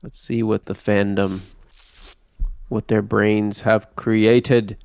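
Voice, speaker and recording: A man's voice: lowish voice, level tone, slow pace, creaky, a little mellow, clear, resonant tone, no room sound. A man co-hosting a casual podcast chat, joking and teasing the others in a sleepy way. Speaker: podcast co-host.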